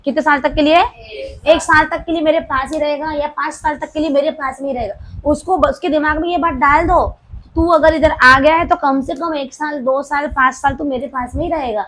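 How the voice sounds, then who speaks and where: High-voiced woman teaching a class. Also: steady tone, fairly bright tone, rough recording. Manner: teasing, scolding students playfully; slow deliberate dictation of key terms. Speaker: commerce teacher. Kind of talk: classroom lecture.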